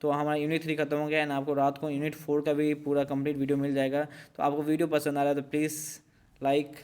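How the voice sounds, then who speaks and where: A man's voice: fairly high pitch, monotone, quick pace, a little mellow, smooth. A man teaching a revision lecture for teacher-training exams, explaining step by step and mixing English terms into his talk.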